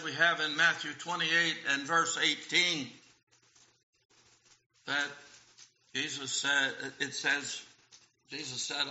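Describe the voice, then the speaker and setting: A man preaching a sermon in a church, speaking slowly and deliberately with a bright, forceful tone. His voice rings through a roomy sanctuary on a dull, lo-fi recording. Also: on the high side. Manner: slow, deliberate delivery, quoting hymns and scripture. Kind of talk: sermon on hymn lyrics.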